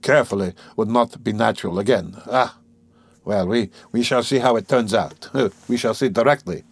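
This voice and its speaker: In an audiobook of a classic novel, a man with a fairly low voice speaks at normal speed in a dry recording. He plays an irritable, scheming young former law student, sardonic, mocking, anxious and brooding.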